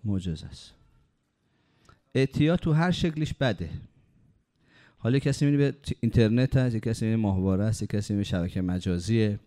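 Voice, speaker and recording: A man's voice: on the low side, pauses often, warm tone. A man preaching a sermon, telling stories and pressing his points with rhetorical questions. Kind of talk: sermon with anecdotes.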